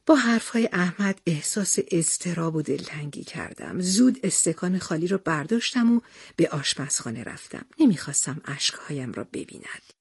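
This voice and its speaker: A woman narrating a memoir in the first person, with soft, emotional storytelling. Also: lowish voice, animated, vocal fry, breathy edge, no echo, clean studio sound.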